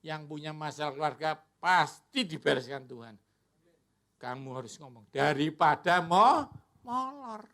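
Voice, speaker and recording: A male pastor with a voice, pitched a little above the usual for a man, preaching at a church worship service. His delivery is colloquial and chatty, and he slips into acted voices for the people he quotes. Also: animated, moderate pace, gravelly, bright, forceful tone. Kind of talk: sermon.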